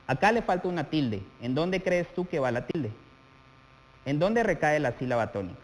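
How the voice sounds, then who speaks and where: A man from Guatemala teaching a televised classroom lesson, speaking straight to the viewer and drawing out example words slowly. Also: on the high side, sing-song. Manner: addresses the viewer directly, stretches out example words while dictating. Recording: TV studio audio with long reverb and faint hum.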